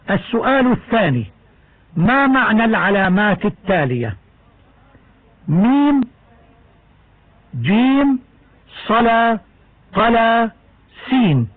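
A man teaching the rules of Quran recitation in a measured, explanatory radio lesson. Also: sits high, dry recording. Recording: tinny old radio broadcast.

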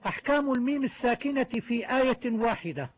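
A man teaching the rules of Quran recitation, explaining each point in a methodical, measured way. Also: extremely high pitch, animated, a little hiss or hum. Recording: narrow tinny phone-like sound.

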